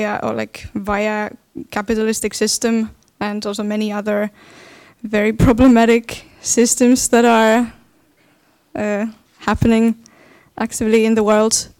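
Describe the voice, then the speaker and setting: A woman's voice: mid-range voice, a little mellow, clean tone, dry recording. A woman with a Finnish accent speaking unscripted as a panelist, hesitantly searching for words. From Finland. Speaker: panelist, dance artist.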